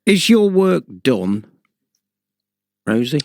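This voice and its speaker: A man's voice: a little high, big pitch swings, takes it slowly, creaky, darkish tone, no echo, clean studio sound. A man with an English accent hosting a local radio show, questioning a guest in a friendly, conversational way. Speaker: radio presenter. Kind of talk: radio interview.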